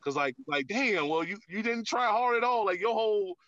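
Man, comedian guest, candid rambling chat, sharp tone, dry lo-fi sound. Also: high-pitched, animated, moderate pace, no echo. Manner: rambling, heavy on filler words, candid. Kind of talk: casual podcast chat.

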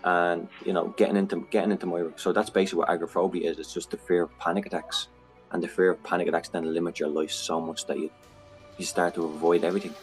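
A man's voice: deep voice, flat delivery, fast talker, soft background music, low-quality recording. A man in his thirties telling his recovery story in a candid, frank conversation, swearing freely. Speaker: guest sharing recovery story.

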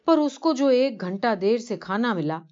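Woman voicing a humble old pilgrim man for a story reading, lowered voice, earnest and slow, dull lo-fi sound. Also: expressive, darkish tone, natural voice. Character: poor elderly man, devout pilgrim, humble. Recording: dull lo-fi recording.

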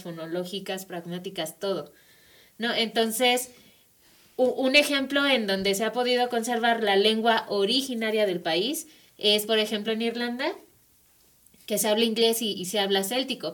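This female guest speaker, a Mexican woman with a Mexican Spanish accent, talks about language issues on an academic radio show from a studio, frequently checking in with tag questions. Her pitch is medium and her tone fairly bright.

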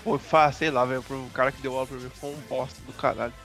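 A man's voice: medium pitch, steady tone, quick pace, a bit bright, faint music behind. A young man in casual chat, talking in slang and swearing a lot.

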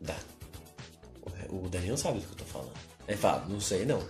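A man rattles off quick, teasing jabs at his co-hosts, his pitch bouncing up and down as he talks. His voice echoes in a roomy space with music playing clearly underneath. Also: very animated. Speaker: podcast co-host. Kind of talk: casual chat.

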